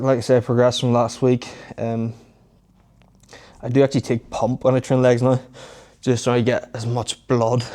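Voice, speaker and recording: A man's voice: medium pitch, a little mellow. A young man giving casual, matter-of-fact commentary on his training between weightlifting sets in an informal way. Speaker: fitness vlogger.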